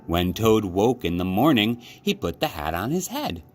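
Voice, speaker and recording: This is a lowish male voice reading a kids' storybook in the style of a library storyteller. His phrasing is careful and full of expression.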